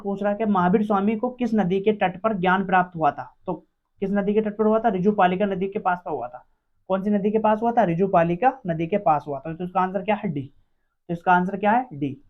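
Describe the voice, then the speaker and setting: A teacher running an exam-prep quiz lesson, asking each question aloud and answering it, repeating every answer several times. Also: medium pitch. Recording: dull lo-fi recording.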